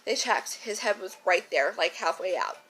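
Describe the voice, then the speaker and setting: A woman's voice: mid-range voice, animated, normal speed, fairly bright tone, faint music behind, low-quality recording. A young woman telling a personal story casually to her phone camera, chatty and frank, rambling with fillers and the odd swear word.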